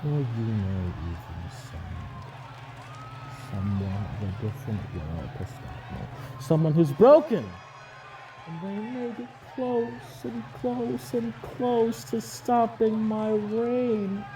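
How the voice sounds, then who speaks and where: A man's voice: high-pitched, dark tone. A man playing a pompous, arrogant king of pro wrestling, giving a grandiose, theatrical promo speech. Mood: triumphant. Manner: pompous, grandiose, deliberate pauses. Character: pompous self-proclaimed king, arrogant male wrestling villain. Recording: distant mic, noisy arena crowd.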